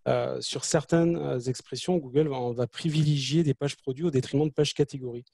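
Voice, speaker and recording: A man's voice: mid-range voice, steady tone, brisk, vocal fry, warm tone, a little hiss or hum. A man on a webinar panel answering a question hesitantly, with many restarts, over a video call. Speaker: project manager, panelist.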